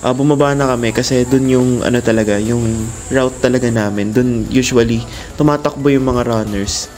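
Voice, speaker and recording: A man's voice: mid-range voice, fairly even intonation, normal speed, a little mellow. A man casually narrating a running vlog in a hesitant, unscripted way, searching for his words.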